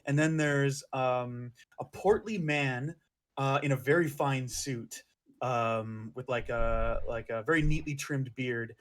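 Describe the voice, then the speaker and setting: A man's voice: mid-range voice, takes it slowly. A man running a tabletop game as game master, describing scenes with many fillers and restarts.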